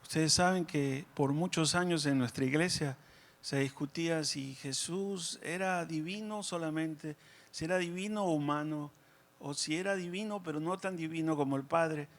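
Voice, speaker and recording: Measured man preaching in church. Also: a little high. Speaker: priest preaching and leading prayers at Mass. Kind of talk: sermon and liturgical prayer. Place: church during Mass.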